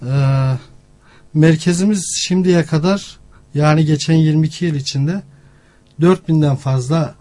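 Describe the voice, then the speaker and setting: A male academic with a mellow, slightly high voice. He explains things formally, in measured phrases broken by pauses, as an interview guest. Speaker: university language centre director, professor. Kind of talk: formal informational interview answers.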